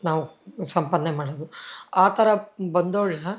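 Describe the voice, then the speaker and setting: A woman tells her life story in an interview. She speaks with deep feeling and acts out the lines of the people in her story. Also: measured pace. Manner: tearful storytelling, acts out quoted dialogue. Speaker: interview guest, actress. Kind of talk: emotional personal interview.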